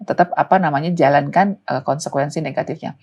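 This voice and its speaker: A woman guest in an interview who gives parenting advice in an earnest way, often pausing to find her words. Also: sits low, a little mellow, lo-fi sound. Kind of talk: explanatory interview talk.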